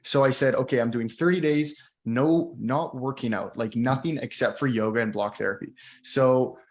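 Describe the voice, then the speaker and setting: A man in his thirties co-hosting a relaxed conversation. He talks in an easy, chatty way, with quick laughs and plenty of likes. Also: mid-range voice. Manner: animated, chatty, laughs easily. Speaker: co-host. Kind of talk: casual conversation.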